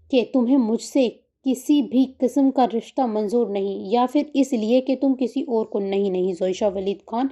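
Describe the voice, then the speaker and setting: A woman's voice: high-pitched, warm tone, lo-fi sound. A woman voicing a cold vengeful young man. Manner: menacing, clipped threats.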